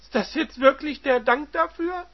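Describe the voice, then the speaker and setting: A man voicing a furious, humiliated middle-aged wife who shouts shrill accusations, on a dull lo-fi recording. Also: normal speed.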